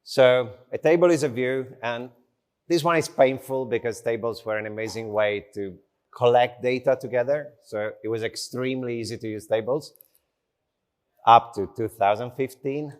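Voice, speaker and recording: On a conference stage before an audience, a man who learned English as a second language gives a slow, conversational tech talk in short phrases. His mid-range voice has a clean tone, and his manner is informal and self-deprecating.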